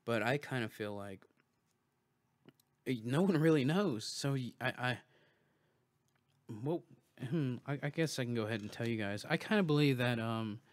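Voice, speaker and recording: A man's voice: mid-range voice, expressive, normal speed, long pauses, no room sound. A man hosting a livestream, talking casually and musing aloud with loose restarts and swearing. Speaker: livestream host. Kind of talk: casual rambling monologue.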